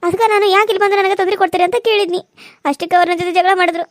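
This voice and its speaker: A woman's voice: very high-pitched, fairly even intonation, rapid-fire, no room sound, clean studio sound. A woman voicing a meek young daughter-in-law in a cartoon serial, pleading and tearful. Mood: complaining.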